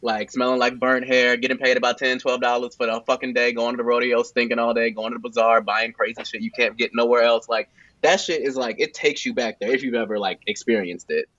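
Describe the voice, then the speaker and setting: A man's voice: mid-range voice, steady tone, fairly quick, a bit bright, no room sound. An American man chatting casually with friends in an emphatic, slangy, sassy way. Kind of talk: casual group chat. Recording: slightly dull, lo-fi audio.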